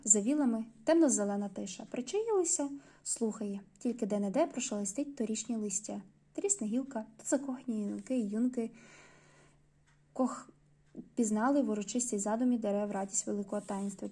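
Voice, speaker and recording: A woman reading literary prose aloud at an unhurried pace, lifting her voice for the dialogue. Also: fairly high pitch, warm tone, slightly rough. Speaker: audiobook reader.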